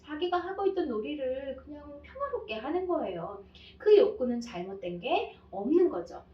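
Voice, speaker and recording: A woman's voice: high voice, very animated, normal speed, reverberant, distant mic, muffled recording. A woman parenting coach giving an advice lecture, speaking straight to viewers and posing rhetorical questions.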